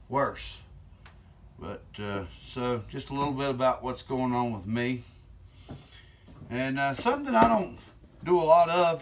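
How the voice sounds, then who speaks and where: Slightly slurred man in a noisy workshop. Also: mid-range voice. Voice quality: slightly slurred from one-sided mouth weakness. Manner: unhurried, talking while working with hands. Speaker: channel host. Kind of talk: casual hands-on workshop chat. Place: cluttered indoor workshop. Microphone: camera on bench a step or two away.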